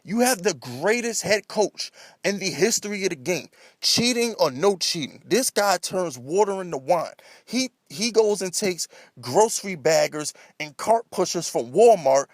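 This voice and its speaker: A man with a high-pitched voice goes off on a freestyle sports rant, recorded close and dry. He is emphatic and comically exasperated, building up his points with repetition, rhetorical questions and plenty of cursing. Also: lively intonation, a little slow, dry recording. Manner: ranting, escalating, comedic exasperation; heavy swearing. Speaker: sports commentator.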